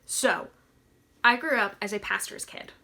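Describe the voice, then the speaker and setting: A woman in her thirties telling spooky personal stories as a casual vlogger, with animated emphasis and dramatic pauses. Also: mid-range voice, gravelly, music in the background. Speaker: storytelling vlogger.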